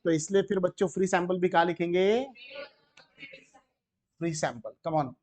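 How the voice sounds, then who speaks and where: A man with an Indian accent lectures a commerce class in a fairly high voice. He keeps the room engaged by asking questions and briefly acting out shopkeepers and sellers. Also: moderate pace. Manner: animated, asks the class questions and acts out shopkeepers. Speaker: commerce tutor.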